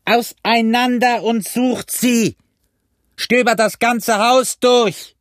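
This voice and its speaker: A man's voice: very high-pitched, fairly even intonation, slow, a bit bright, no room sound, clean studio sound, voice pushed up, exaggerated voice. A man voicing a furious blind old pirate beggar who shrieks curses and barks orders at his gang. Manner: shrieking, cursing, barking orders. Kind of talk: audiobook character voice.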